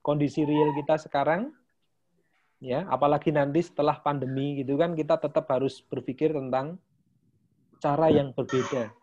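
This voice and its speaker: A man's voice: fairly high pitch, fairly even intonation, moderate pace, darkish tone, highs cut off. Chatty man explaining on a call, lilt. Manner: casual and chatty, ends phrases with Pak. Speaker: teacher trainer leading an online session. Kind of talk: explaining to teachers in a video call.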